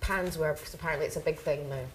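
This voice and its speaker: A woman who talks fast and brushes things aside briskly. Her tone stays offhand and dismissive. Faint room noise sits behind her. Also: sits low, fairly even intonation. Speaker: reality show housemate.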